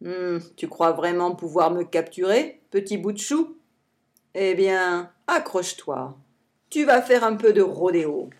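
A woman voicing a big, good-natured male bison with a deep, booming voice in a children's story. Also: expressive, measured pace. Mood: teasing.

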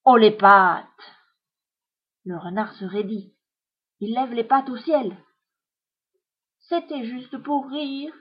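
A woman narrating a children's storybook in a measured, expressive way. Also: fairly high pitch, breathy edge. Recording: dull lo-fi recording.

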